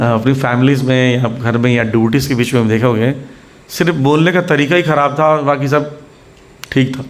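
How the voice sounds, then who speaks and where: An Indian man giving a Hindi sermon at a temple preaching centre, mixing in English words and acting out scolding examples. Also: mid-range voice.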